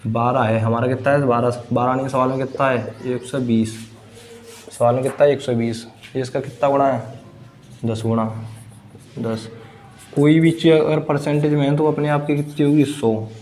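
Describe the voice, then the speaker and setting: A man's voice: medium pitch, fairly even intonation, moderate pace, darkish tone, a little hiss or hum. A man teaching a blackboard maths lesson, asking the class questions and then answering them himself. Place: classroom with a board.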